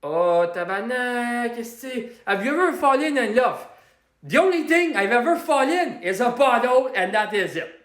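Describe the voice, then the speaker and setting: A performer uses his natural, mid-range voice, animated and at normal speed, in an echoey room. He plays the self-styled Quebec Hulk, an always-angry working-class man from Quebec, loudly ranting in broken English and French with a thick Québécois accent while answering viewer comments on a comedy livestream.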